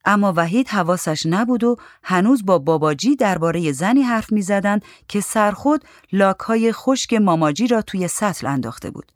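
A narrator reading a short story aloud in a calm, even literary manner. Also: mid-range voice, no echo, studio quality.

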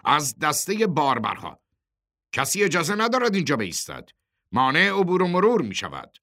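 A man voicing a bossy, gruff male leader of a porters' gang who gives curt, loud commands. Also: on the high side, wildly swooping pitch, pitched above the performer's own voice, exaggerated voice. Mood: brusque.

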